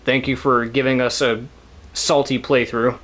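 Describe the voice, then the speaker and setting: A man's voice: mid-range voice, flat delivery, a little slow, a bit bright. A man streaming a video game, talking casually in a rambling way, swearing now and then and laughing often. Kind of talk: casual let's-play commentary.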